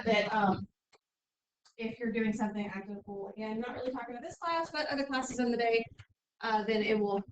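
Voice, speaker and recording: Lady math teacher, kinda high voice, brisk, keeps asking okay?, echoey room far from mic. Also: slight background noise. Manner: brisk, frequent "okay?" check-ins. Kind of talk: classroom instruction. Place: classroom.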